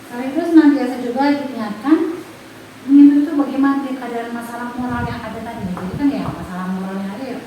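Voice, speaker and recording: A woman's voice: a little high, fast talker, warm tone. A woman in her thirties, a school principal, earnestly explaining her decisions in an interview. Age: 30s. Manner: earnest, explains with examples and quoted dialogue. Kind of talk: interview about school leadership. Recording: echoey room, far from mic, noisy.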